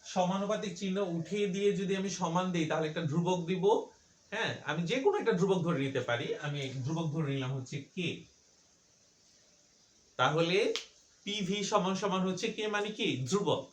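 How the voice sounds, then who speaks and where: A male teacher lectures on physics with a fairly high voice. He keeps asking questions and answering them himself, repeating each point so it sticks. The sound is roomy, with a clear echo. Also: fairly quick. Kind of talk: classroom lecture. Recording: echoey room.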